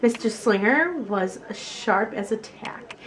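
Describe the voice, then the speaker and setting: Reading a children's picture book aloud, a woman storyteller uses expressive, deliberate phrasing in a medium-pitched voice.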